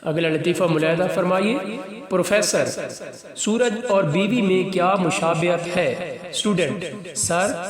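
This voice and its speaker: A man's voice: high-pitched, measured pace, echoey room, crowd noise. A man reads a string of short jokes in a scripted way. He announces each joke, then voices both sides of its dialogue. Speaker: joke narrator.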